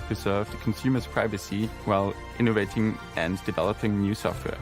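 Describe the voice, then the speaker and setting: A man's voice: lowish voice, fairly even intonation, brisk. A male student from Austria talking enthusiastically about his field in a testimonial. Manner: enthusiastic, earnest. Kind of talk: scripted promo testimonial. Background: background music.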